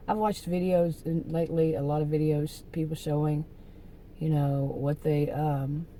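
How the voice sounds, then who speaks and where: A woman's voice: low-pitched, mellow, slight background noise, poor audio. A woman YouTuber with a soothing voice talking in a casual vlog monologue, rambling, easily distracted and trailing off mid-thought.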